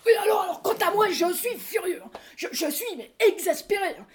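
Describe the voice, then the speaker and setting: A woman's voice: very high-pitched, lively intonation, fairly quick, crowd noise. Woman reading a blustering French friend. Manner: stammering, blustering. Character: blustering male friend, hot-tempered but cowardly.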